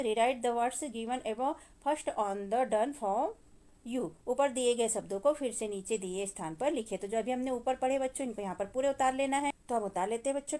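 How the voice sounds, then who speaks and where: Working from a workbook, a woman with a Hindi accent teaches children, reading English lines slowly before explaining them and often calling out to the kids. Her voice is a little high with a darkish tone.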